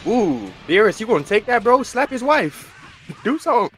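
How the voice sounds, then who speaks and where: Teasing high-voiced guy trash talking. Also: big pitch swings, normal speed, a bit bright, slight background noise. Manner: teasing, laughing, trash talk and slang. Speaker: friend playing along. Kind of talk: casual gameplay chat with friends.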